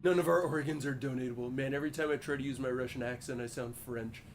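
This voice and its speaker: A young gaming streamer plays a horror game, joking, swearing, talking to his chat and reading on-screen text aloud in casual commentary. He talks fast at a medium pitch with fairly even intonation, and there's slight background noise.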